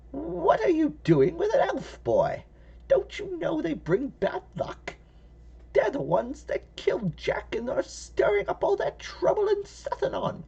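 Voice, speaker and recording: A man voicing a nosy, suspicious little old beggar woman with a shrill, cackling, scolding manner. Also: vocal fry, dark tone, breathy edge, muffled recording, exaggerated voice. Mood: fearful.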